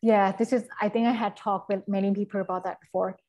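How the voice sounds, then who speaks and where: A Thai woman in her thirties, a guest speaker in an online session, explains things conversationally over a video call from a small indoor room using a wired earphone mic. Her medium-pitched voice is steady and warm, and she speaks haltingly, searching for words and often saying "like" and "you know."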